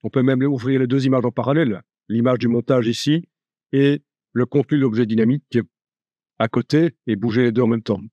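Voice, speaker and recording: A man giving a live software tutorial, chatty and joking, thinking aloud as he works. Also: mid-range voice, steady tone, fairly quick, no echo, dull audio. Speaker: software instructor.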